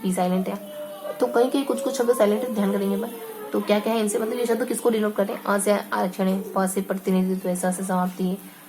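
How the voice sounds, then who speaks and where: A woman teaching an exam-prep lesson, slowly repeating and stretching words as she explains memory tricks. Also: mid-range voice, steady tone.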